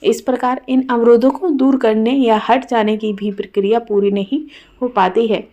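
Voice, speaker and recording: A woman's voice: a little high, darkish tone. A woman teacher reading a prepared exam answer aloud as a lecture, stressing words in example sentences.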